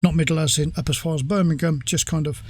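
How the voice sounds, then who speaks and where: A man's voice: a little high, fairly even intonation, fast talker, darkish tone, slightly rough, no room sound. A man commenting casually on a video, explaining at length with restarts. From United Kingdom. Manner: rambling, explanatory, many restarts. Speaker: reaction video host.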